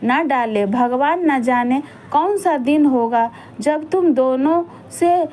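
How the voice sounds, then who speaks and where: A woman's voice: high-pitched, takes it slowly, warm tone. A woman voicing a harsh, cruel village stepmother who scolds and sneers at her stepchildren. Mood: scolding.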